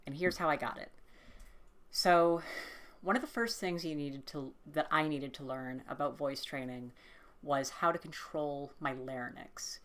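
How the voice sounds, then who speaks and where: A woman casually explaining voice training exercises, relaxed and hesitant with many fillers. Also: deep voice, unhurried. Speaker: voice training tutor. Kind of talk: casual instructional vlog.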